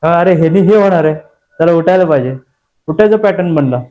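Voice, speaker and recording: Emphatic high-voiced male trainer. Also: fast, dull audio. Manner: emphatic, asks the room frequent rhetorical questions; tells personal stories with dramatized inner voices. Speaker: course trainer. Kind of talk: motivational lecture to a class.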